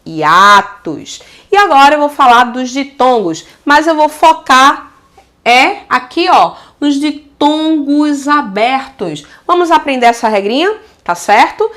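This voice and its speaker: A Brazilian woman teaching a casual video grammar lesson, affectionate and lively, often checking in with her students and drawing out example words slowly. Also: high voice. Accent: Brazilian Portuguese.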